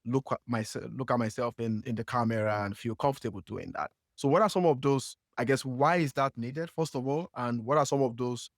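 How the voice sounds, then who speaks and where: A Nigerian-accented man hosts a marketing podcast in conversational interview style, asking long questions hesitantly with many "uh"s and restarts. His medium-pitched voice is fairly quick with few pauses, and the clean studio sound has no echo.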